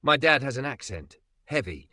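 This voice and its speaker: Raised-up young woman as a male narrator plays her, remorseful, voice catching, lively swings. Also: medium pitch, normal speed, no echo, voice pushed up, heavily acted. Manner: emotional, voice catching.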